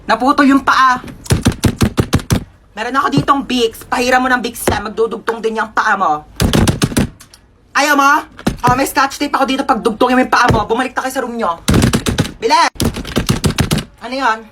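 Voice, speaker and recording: A woman acting out playful comedy skits with bursts of shouting. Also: on the high side, normal speed, long pauses, very noisy. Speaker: comedy skit creator.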